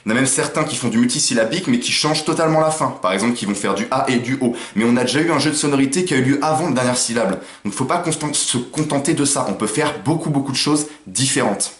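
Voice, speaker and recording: A man, casually explaining rap rhyme techniques and slowly reciting his own example lines. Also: mid-range voice. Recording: roomy echo.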